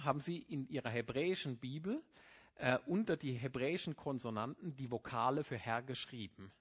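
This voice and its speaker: A middle-aged pastor preaching a sermon, explaining patiently and then rising into emphatic passages. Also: male voice, mid-range voice, a bit bright, slightly rough.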